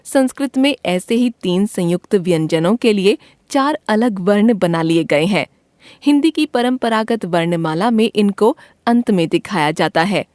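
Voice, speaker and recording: A woman reads a textbook grammar lesson aloud at a very slow, deliberate pace, spelling out each letter and example word one at a time. Her voice sits at an ordinary middle pitch. The sound is close and dry, with no room echo. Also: expressive, darkish tone. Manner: slow, careful reading of letters and word lists. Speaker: teacher.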